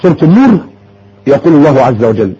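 Fiery Egyptian preacher, high and lively. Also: male voice, fast talker, husky. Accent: Egyptian Arabic. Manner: fiery, rhetorical questions, mocking repetition. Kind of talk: sermon. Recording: muffled lo-fi audio.

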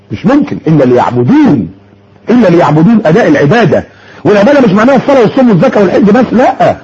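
A male preacher with an Egyptian accent delivers a fiery sermon in a high voice that swings widely in pitch. He fires off rhetorical questions and mockingly repeats words. The muffled lo-fi recording dulls his husky voice. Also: a little mellow. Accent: Egyptian Arabic. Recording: muffled lo-fi audio.

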